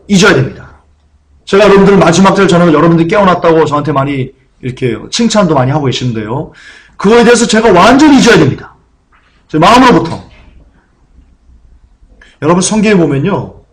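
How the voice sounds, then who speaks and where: A man preaching a sermon as pastor, earnest and emphatic, who acts out the grumbling of churchgoers. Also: sits high.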